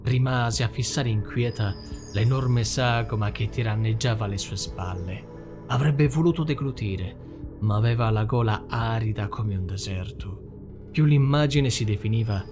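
Measured male audiobook narrator. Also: lowish voice. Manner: slow, measured, dramatic reading. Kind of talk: scripted narration. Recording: faint background music.

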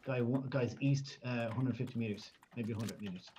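A man co-hosting a game stream at an everyday pitch, easygoing as he calls out moves and enemy positions. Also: moderate pace, dark tone, a little hiss or hum, low-quality recording. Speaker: co-host. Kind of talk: casual game stream chat.

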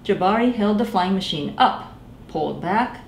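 A woman in her thirties with a creaky, medium-pitched voice reads a picture book to kids at normal speed, voicing the characters. As a librarian leading storytime, she's animated and addresses the children directly. The small library room sounds echoey, with faint background noise.

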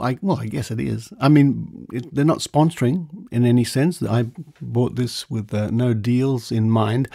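A podcast host delivers a semi-scripted monologue in a warm, gravelly, mid-range voice. He's recorded on a close studio condenser microphone in a treated room.

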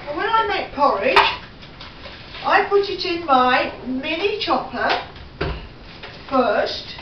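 An older woman makes breakfast in her home kitchen for her vlog, chatting through each step and humming along. She speaks slowly in a high, expressive voice. Because the tripod camera sits far away, the audio comes across echoey, dull, and noisy.

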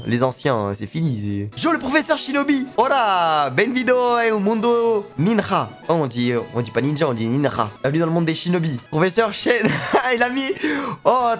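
High-voiced young man, slangy gaming chatter. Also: fairly bright tone. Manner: slangy, joking, reacting aloud. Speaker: streamer. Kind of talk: casual let's play commentary.

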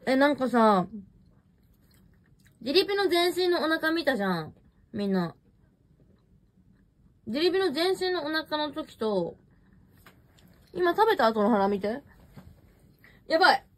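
A young woman with a high voice and wide pitch swings chats casually on a livestream while eating, rambling and responding to viewer comments at an unhurried pace with long pauses. She's recording on her smartphone in a messy room at home.

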